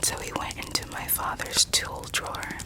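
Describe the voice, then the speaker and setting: A person telling stories in a soft, breathy ASMR whisper, lingering over words and softly repeating some of them. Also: normal speed. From United States. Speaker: ASMR creator.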